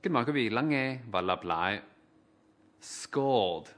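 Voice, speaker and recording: A man presenting a TV English vocabulary lesson, pronouncing words slowly and formally for viewers to repeat. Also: medium pitch, animated, background noise. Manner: slow, formal, deliberate enunciation. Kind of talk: scripted pronunciation drill.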